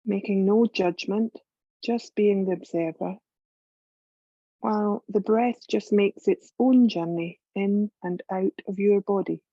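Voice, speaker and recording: Gentle instructions come slowly, with long pauses, as this yoga teacher leads a guided meditation in a calm, measured, medium-pitched voice. There's no echo, though the audio is dull.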